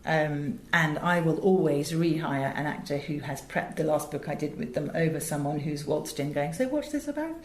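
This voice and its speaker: With a low pitch, lively intonation and few pauses, a middle-aged woman speaks at a moderate pace in a British accent. She comes from England, directs and produces audiobooks, and answers interview questions conversationally, telling stories emphatically with frequent asides. The audio is echoey with faint background noise.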